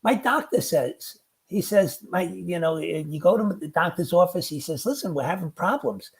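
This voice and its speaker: A man's voice: sits high, unhurried, creaky. A man co-hosting a casual talk show, making dry sarcastic asides. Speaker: podcast co-host. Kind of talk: casual chat.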